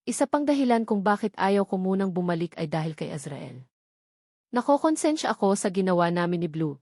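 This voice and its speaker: A woman with a Filipino accent narrates an audiobook, reading a scripted first-person romance novel in a medium-pitched, darkish voice. The recording is dry, with a clean studio sound.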